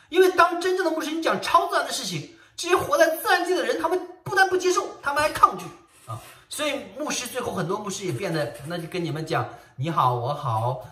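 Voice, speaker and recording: A pastor from Northeast China preaches, his pitch swooping up and down as he presses each point. His bright, forceful voice keeps stalling into stammered restarts. He is heard from a little distance in an echoey hall. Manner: animated and emphatic, with frequent stammered restarts. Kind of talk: sermon. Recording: echoey room, voice set back from the mic.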